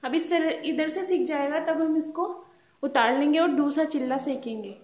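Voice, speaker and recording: A woman hosting her cooking channel, calmly and patiently walking through a recipe step by step at a gas stove in a home kitchen and repeating her tips. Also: high voice, normal speed. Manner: calm, patient instructional talk, repeats tips. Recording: roomy kitchen echo with pan sounds.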